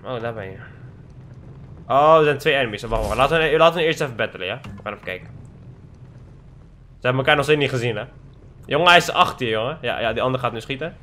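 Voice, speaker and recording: Excitable young gamer, lively bright voice. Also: male voice, mid-range voice, fast, long pauses, a little hiss or hum. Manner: playful trash talk, peppered with English slang. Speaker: gaming YouTuber. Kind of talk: live gameplay commentary.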